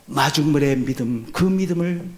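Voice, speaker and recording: A man in his sixties preaching a sermon, asking the congregation questions and answering them, moving from loud urgent peaks to low hushed endings. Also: moderate pace. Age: 60s. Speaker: pastor.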